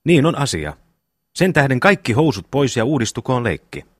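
A man's voice: medium pitch, very animated, no echo, studio quality. A man reading the part of a witty youngest brother in an audiobook, sly and mocking. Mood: teasing.

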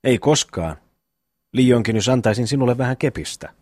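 A man's voice: mid-range voice, lively intonation, darkish tone, dry recording, lightly acted. A man voicing a brash, bossy eldest peasant brother in a classic audiobook reading. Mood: blustering. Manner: bossy, quick to scold.

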